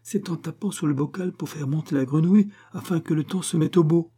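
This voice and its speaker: A man with a husky voice voicing a polite, earnest male household servant in an audiobook reading. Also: a little high, a little fast, warm tone, pitched above the performer's own voice. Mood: deferential. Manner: polite, deferential.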